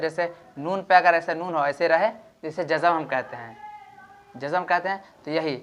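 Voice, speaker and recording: A man's voice: on the high side, fairly bright tone. Patient man teaching, muffled recording. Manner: repeats each rule and drawls out example syllables. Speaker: Quran recitation teacher. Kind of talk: explaining a lesson step by step.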